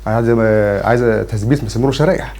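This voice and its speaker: A man's voice: medium pitch, rapid-fire, darkish tone, breathy edge. A man in his fifties with an Egyptian Arabic accent, an earnest and grateful talk show guest. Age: 50s. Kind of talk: casual TV interview.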